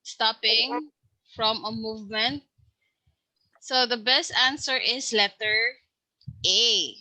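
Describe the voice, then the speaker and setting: A woman teacher taking students through a science quiz, reading out each question and its answer choices slowly and patiently. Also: a little high, bright, forceful tone, dry recording, poor audio. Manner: slow, patient quiz-style questioning, reads answer options aloud. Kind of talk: online science review lesson.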